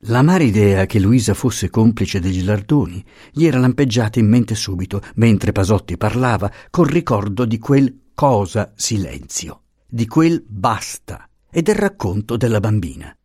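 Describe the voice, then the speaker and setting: A man giving an expressive, dramatic reading of a novel as an audiobook narrator. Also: fairly low pitch, moderate pace, slightly rough, no echo, studio quality. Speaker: audiobook reader.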